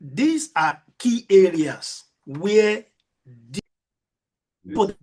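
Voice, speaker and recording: Slow-paced, polite man presenting formally. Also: high-pitched, expressive, darkish tone, breathy edge. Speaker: conference presenter.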